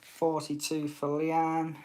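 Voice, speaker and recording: A woman's voice: low-pitched, monotone, takes it slowly, mellow. A British woman hosting an online game in casual chat, with cheeky, informal banter as she calls out players and numbers. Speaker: host of an online bingo game.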